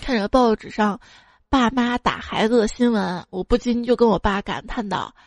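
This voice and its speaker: A woman hosts a comedy podcast, reading listeners' embarrassing childhood stories aloud. Her voice sits a little high, and she acts out the parents in the stories. Soft music plays quietly behind her. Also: moderate pace. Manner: playful, laughing at her own material. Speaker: podcast host.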